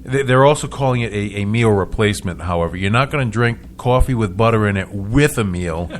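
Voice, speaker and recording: A man's voice: on the low side, animated, brisk, a little hiss or hum. A man hosting a casual local radio talk show, chatting with frequent stumbling restarts and chuckles.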